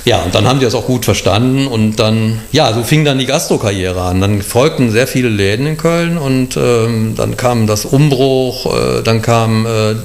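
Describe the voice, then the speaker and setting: A middle-aged man from Cologne, Germany, a bar owner and musician appearing as a guest, tells his life story in an interview. His mid-range voice is creaky and moves at a moderate pace with hardly any pauses, rambling along with plenty of fillers and restarts.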